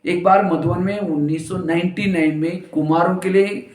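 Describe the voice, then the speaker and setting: The voice belongs to a man from India, a spiritual teacher giving a discourse; it sits high, is a little mellow, and holds a steady tone at normal speed. He tells funny stories and plays out what people said, with hall echo around him.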